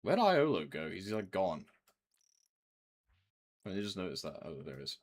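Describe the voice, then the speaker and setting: A man's voice: low voice, big pitch swings, unhurried. A man giving casual, slangy gameplay commentary, often muttering to himself and swearing. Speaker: video game streamer.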